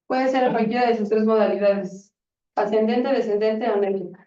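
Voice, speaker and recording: A Spanish teacher leads a grammar lesson, questioning her students and encouraging them. Her high-leaning voice is dark in tone, with fairly even intonation and normal speed. The lo-fi recording was made from a distance in an echoey classroom.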